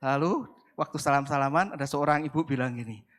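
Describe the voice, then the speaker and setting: Man, pastor, Indonesian accent, high voice, playful sermon storytelling. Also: brisk, a bit bright. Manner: playful, acts out quoted voices.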